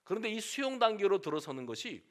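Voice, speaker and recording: A male pastor preaching a sermon in a high voice that swings widely and expressively. He shifts into dramatic quoted voices as he preaches. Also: quick pace. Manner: animated, dramatic quoting. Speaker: senior pastor.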